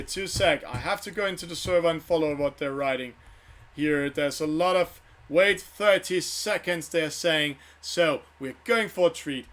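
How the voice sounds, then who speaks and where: A man hosting and commenting live on an online sailing race from a studio, with halting, self-correcting phrasing. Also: on the high side, a bit bright.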